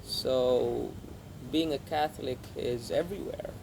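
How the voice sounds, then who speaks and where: A man with a creaky voice, chatting casually as a podcast co-host. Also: medium pitch, a little slow. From Philippines. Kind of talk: casual conversational interview. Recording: clear background vehicle-like noise.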